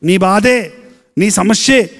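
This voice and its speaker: A pastor delivering an emphatic sermon, asking the congregation rhetorical questions. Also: male voice, sits high, slow, fairly bright tone, in a large hall.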